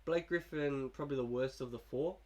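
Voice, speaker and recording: In casual gameplay commentary, a young YouTuber with a cold coughs while going over his video game team. He speaks fairly quickly in a mid-range voice, laid-back and rambling.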